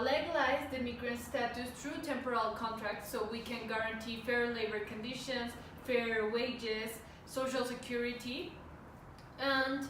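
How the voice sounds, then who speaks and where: A young woman from Mexico in her twenties presents steadily to her class, with a fairly high voice. She stands away from the mic in a very echoey room, and noise is clearly heard behind her. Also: far from the mic. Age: 20s. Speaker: student presenter.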